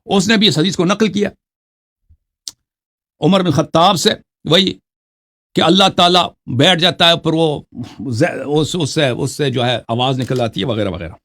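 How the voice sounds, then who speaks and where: With a fairly high, fairly bright voice and long pauses, a man debates religion by citing texts. He reads Arabic quotations aloud and explains them scornfully, frequently checking with "right?"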